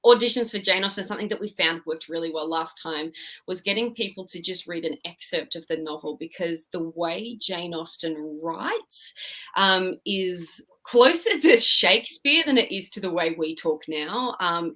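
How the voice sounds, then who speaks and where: A woman with a slightly low but very bright, forward voice speaks as a director in a casual interview. She is animated and informal, working out her thoughts aloud as she talks. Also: moderate pace. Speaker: director of theatre podcast productions. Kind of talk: casual interview talk about upcoming productions.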